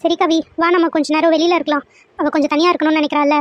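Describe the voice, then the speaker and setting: A woman's voice: high voice, flat delivery, very fast, no echo, lo-fi sound, close to an everyday voice. A woman doing a soothing young girlfriend. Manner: soothing, coaxing. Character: caring young woman friend, gentle and soothing. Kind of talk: cartoon serial voice acting.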